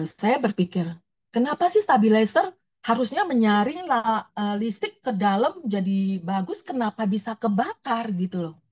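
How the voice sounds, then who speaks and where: A woman's voice: medium pitch, a little mellow, breathy edge. A woman pastor, telling a personal testimony in a sermon, emotional and storytelling, acting out her own prayers.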